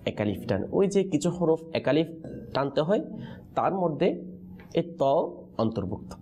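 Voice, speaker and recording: A man teaching the pronunciation of Quranic letters in a lesson, pausing on questions so his students answer in chorus. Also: a little high, sing-song, warm tone. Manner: call-and-response teaching, prompting answers with questions.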